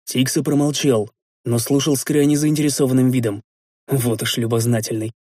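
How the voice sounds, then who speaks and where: A man narrating a first-person audiobook in an even, measured way. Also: mid-range voice, breathy edge, dry recording, studio quality.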